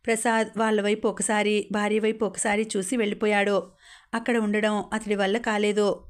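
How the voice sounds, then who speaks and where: A woman narrating a novel as an audiobook in a measured, even storytelling manner. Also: medium pitch.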